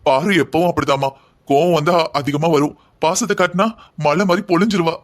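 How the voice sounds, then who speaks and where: A man's voice: on the high side, a little fast, close to an everyday voice. A man voicing a kindly middle-aged brother in a cartoon family drama, speaking in a reassuring, easygoing way.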